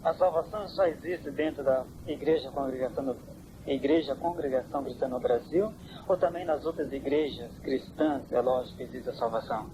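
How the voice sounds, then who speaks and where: Priest asking calm questions, mid pitch, old cassette with steady hiss. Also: male voice, fairly quick. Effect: old worn cassette tape. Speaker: interviewer, priest. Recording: hissy worn cassette tape.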